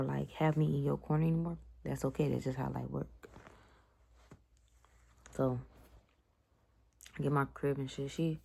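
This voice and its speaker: Low gravelly young woman ranting. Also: mellow. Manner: blunt, slangy and profane, ranting to viewers. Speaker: vlogger. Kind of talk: casual storytime vlog.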